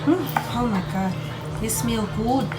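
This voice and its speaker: Loud music plays behind this home cook vlogger as she talks to her audience in a fairly high, unhurried voice. She keeps the chat casual and direct while cooking, and the home video audio is clearly noisy.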